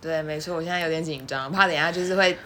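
Bright-voiced teasing woman. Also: low-pitched, racing, slight background noise. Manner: playful, teasing reactions. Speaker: podcast co-host. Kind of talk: casual chat.

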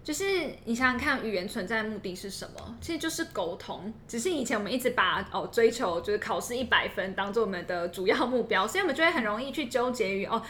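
Female co-host, young, Taiwanese accent, bright forceful voice, conversational and explanatory, slight background noise. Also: on the high side, lively intonation, quick pace, few pauses. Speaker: podcast co-host. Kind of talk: conversational educational discussion.

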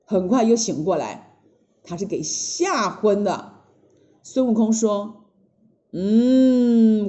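A woman narrating a classic children's story in an animated, exclaiming way. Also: a little high, highs cut off. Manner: animated, exclaiming, many interjections.

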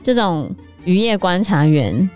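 A woman with a fairly low voice and a Taiwanese Mandarin accent lays out real cases on a casual podcast. Light music plays under her. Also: big pitch swings, measured pace, darkish tone. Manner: explanatory, recounting case facts. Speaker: podcast co-host. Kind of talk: casual book-club chat.

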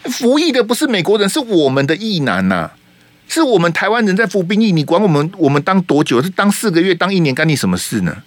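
A man's voice: sits high, sing-song, quick pace, no room sound. A man with a Taiwanese Mandarin accent hosting a political talk radio show, heated and emphatic, firing rhetorical questions at his listeners.

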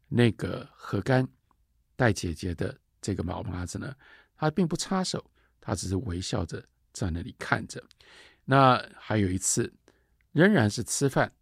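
A man's voice: on the low side, creaky, breathy edge, no echo, clean studio sound. A man giving a storytelling literature lecture, retelling scenes and quoting the characters.

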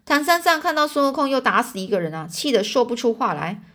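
Woman reading a kids story, chatty, stops to explain words, higher voice. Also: fast, a bit bright. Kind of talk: children's storybook narration.

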